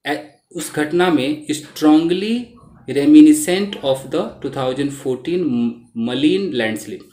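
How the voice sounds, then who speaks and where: A man teaching English in Hindi, reading lines from a news article slowly and then explaining the meaning of each word. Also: mid-range voice, a little mellow. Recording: roomy echo.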